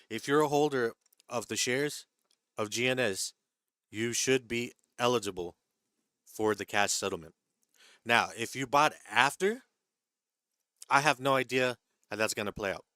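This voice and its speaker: A man's voice: medium pitch, a bit bright, no echo, studio quality. A man hosting a live trading stream who reads viewer questions from the chat and explains the rules, often checking in with "right?" and "okay?". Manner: hedging, repeats himself, checks in with "right?" and "okay?". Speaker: stock trading livestream host.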